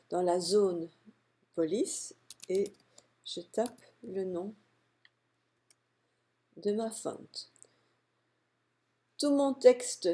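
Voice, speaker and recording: Slow, husky woman explaining software. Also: fairly low pitch. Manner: calm step-by-step explaining, unhurried. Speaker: software instructor. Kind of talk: screen-recorded software tutorial.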